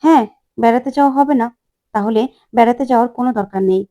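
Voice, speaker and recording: A woman's voice: on the high side, quick pace, warm tone, lightly acted. A woman voicing a motherly woman in a retold family serial, questioning and reproachful. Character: motherly woman, sharp-tongued when crossed.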